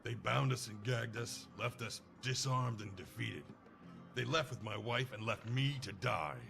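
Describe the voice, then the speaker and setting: A man voicing a grim, weary mercenary in a game, talking curtly and gruffly. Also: medium pitch, unhurried, over music. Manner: gruff, brooding, curt. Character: grim weary male mercenary searching for his wife. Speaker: game character. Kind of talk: game voice acting.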